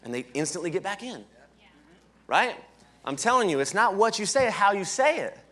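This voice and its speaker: A man giving a live motivational training talk at a conference, energetic, often asking "right?" and throwing questions to the audience. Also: high-pitched, moderate pace. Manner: energetic, keeps checking in with "right?". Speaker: sales leadership trainer. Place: conference hall, indoors.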